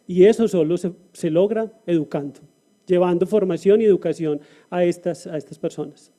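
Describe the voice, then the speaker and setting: A man's voice: high voice, moderate pace, dark tone. A man speaking as a panelist in a discussion, reflective and full of restarts and fillers.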